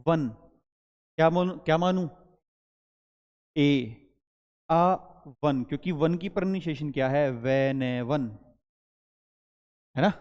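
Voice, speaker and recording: A man with a fairly high, slightly mellow voice teaches a grammar lesson in Hindi and English, explaining each point step by step and repeatedly quizzing students. He speaks slowly, pausing often, and the lo-fi recording carries a long room reverb.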